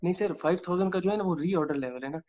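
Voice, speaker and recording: A man's voice: sits high, rapid-fire, a little mellow, muffled recording. A man, a student in an online class, politely and persistently pressing his question while his call audio keeps breaking up.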